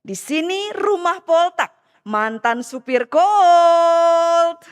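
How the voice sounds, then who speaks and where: A sly, boastful man, once a minibus driver, played by a woman preacher, with a thick Medan accent. He exclaims loudly and then drops into a hushed, conspiratorial tone, his voice very high and swooping. A long church-hall reverb trails every word. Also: big pitch swings, unhurried, full character voice.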